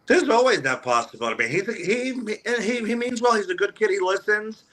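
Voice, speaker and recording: A man's voice: high-pitched, lively intonation, brisk, a bit bright. A man who works as a wrestling manager, guest on a radio show, talking casually with many restarts and "you know" fillers. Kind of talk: casual interview talk. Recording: remote call audio.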